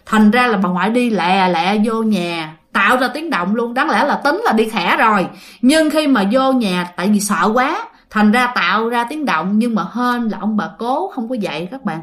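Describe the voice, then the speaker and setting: A woman with a Southern Vietnamese accent tells a ghost story casually and chattily, speaking straight to her listeners. Her voice is a little high and a bit bright, with lively intonation at a normal speed.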